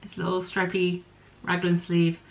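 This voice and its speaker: Speaking at a moderate pace in a fairly low monotone, a middle-aged podcast host chats casually about her knitting and spinning. The audio is poor, and she thinks aloud, stopping to apologise for small slips.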